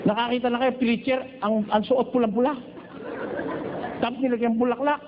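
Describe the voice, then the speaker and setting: A man from the Philippines preaching at a Bible study in a teasing, joking way, at times slipping into slow chanted singing. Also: very high-pitched, fairly even intonation. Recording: dull lo-fi recording with faint noise.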